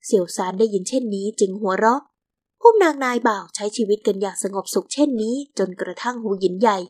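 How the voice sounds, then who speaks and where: A woman's voice: mid-range voice, fast talker, a little mellow. A woman narrating a historical romance novel as an audiobook, reading all the characters' lines in her own voice.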